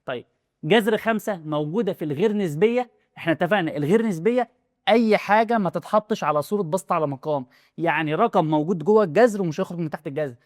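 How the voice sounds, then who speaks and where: A man's voice: sits high, no room sound, clean studio sound. A young man with an Egyptian Arabic accent explaining a math lesson in a casual, chatty way, often checking whether the student follows. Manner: rapid, chatty, asks the student rhetorical questions. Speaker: math teacher.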